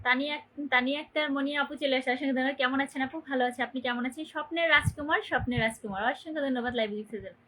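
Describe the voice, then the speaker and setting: Her high voice very fast and fairly bright, a young woman from Barisal, Bangladesh, hosts a casual livestream on her phone. The recording is rough as she calls out viewers by name and cheerfully asks them to comment and share.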